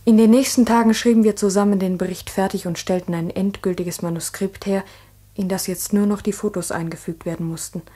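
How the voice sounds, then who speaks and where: An actress playing a grave schoolteacher who narrates in a solemn, literary manner in a 1960s radio play. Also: female voice, mid-range voice, fairly even intonation, brisk, mellow, lightly acted. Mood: measured recounting. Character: grave, sorrowful female schoolteacher recounting events. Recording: 1960s mono radio recording.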